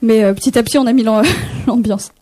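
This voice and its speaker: A young woman from Picardy talks as a guest singer in a radio studio. Her voice sits a little high and mellow. She speaks in a chatty, halting way. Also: steady tone. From Picardy, France. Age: young adult. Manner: chatty, hesitant with many pauses. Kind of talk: casual radio interview.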